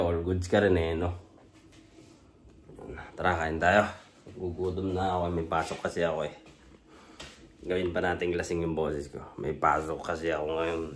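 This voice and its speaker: A deep-voiced man from the Philippines talks loosely to his viewers over breakfast. His morning voice is thick and stuffy from a cold and sinus trouble, heavy enough to sound a little drunk. He rambles and keeps returning to the same catchphrase, with a faint hiss in the background. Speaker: overseas worker vlogger. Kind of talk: casual morning chat to viewers.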